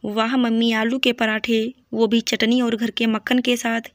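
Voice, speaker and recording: A woman's voice: on the high side, level tone, measured pace, no echo, lightly acted. A woman voicing a cheerful, teasing young husband in a storybook reading.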